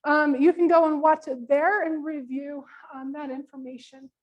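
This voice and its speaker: A woman with a high-pitched, steady voice runs a live online business workshop at a moderate pace, and she's losing her voice. She's chatty and loose, with lots of ums and friendly instructions. The sound is lo-fi.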